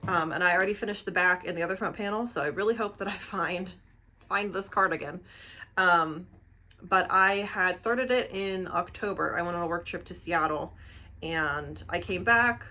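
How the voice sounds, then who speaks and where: A woman's voice: fairly low pitch, moderate pace, sharp tone. A young adult woman hosting a casual crafting podcast, rambling with many fillers and small laughs as she shows her projects. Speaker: podcast host. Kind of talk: casual crochet podcast chat.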